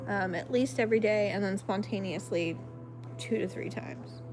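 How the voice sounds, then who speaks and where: A woman's voice: medium pitch, moderate pace, music in the background. A woman in her thirties hosting a casual late-night live stream at home, reading viewer comments in a rambling, apologetic way with lots of "um"s, close to her phone. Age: 30s. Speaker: livestream host. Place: at home at night, lit by a flashlight. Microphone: phone camera held close.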